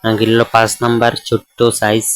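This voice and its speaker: Hoarse man, voice-over vlog. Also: fairly low pitch, monotone, fast, dry recording, poor audio. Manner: chatty, keeps addressing viewers as guys. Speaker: vlogger. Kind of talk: casual voice-over vlog narration.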